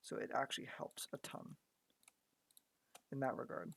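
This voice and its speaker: A man chatting casually as he works, talking through each step aloud. He is losing his voice, so it comes out a little worn. He stumbles and repeats words often, at a middling pitch. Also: moderate pace, creaky, a bit bright. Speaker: graphic artist. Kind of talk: casual commentary while working.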